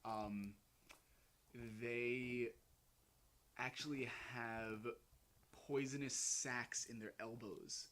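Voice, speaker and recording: A man's voice: medium pitch, fairly even intonation, drawn-out words, pauses often, a bit bright. A young man co-hosting a casual podcast chat, rambling and trailing off as he hunts for words. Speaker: podcast co-host.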